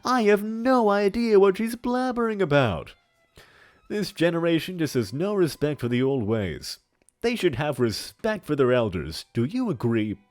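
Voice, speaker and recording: A man's voice: fairly high pitch, sing-song, normal speed, voice pushed up. A man voicing a pompous, menacing, melodramatic older man in a hammy stage-actor manner for a comic dramatic reading. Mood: indignant, haughty. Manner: hammy stage-actor delivery with grandiose emphasis.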